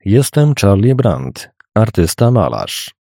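A man's voice: fairly low pitch, very animated, no room sound, studio quality, heavily acted. A man voicing a wary young painter. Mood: guarded. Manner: polite, measured, quietly cautious.

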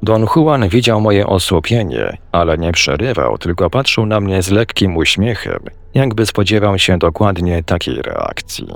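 Low, gravelly male storyteller. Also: very animated, unhurried, hardly any pauses, no echo, soft background music. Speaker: narrator. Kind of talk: first-person story narration.

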